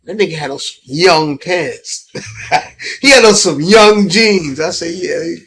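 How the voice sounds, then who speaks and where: A man's voice: on the high side, unhurried, a bit bright, slight background noise. A man from Brooklyn with a New York accent, chatting casually and peppering his talk with slang. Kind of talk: casual chat.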